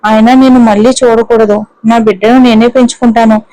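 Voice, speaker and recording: Woman reading gentle young dad soothing his baby, soft and flat. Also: a little high, fairly quick, no room sound, close to an everyday voice, rough recording. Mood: regretful. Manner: soft, coaxing.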